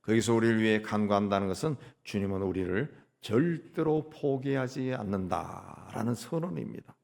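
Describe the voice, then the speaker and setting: A male pastor delivering an earnest sermon, rising at times and dropping to a hush at others. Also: lowish voice, animated, moderate pace, gravelly. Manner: earnest preaching that swings between raised and hushed delivery.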